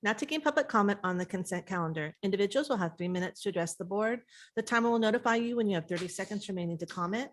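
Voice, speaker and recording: A woman clerk reads out meeting procedures at a quick clip in a medium-pitched voice. Her announcements are plain and matter-of-fact. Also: expressive, a little hiss or hum.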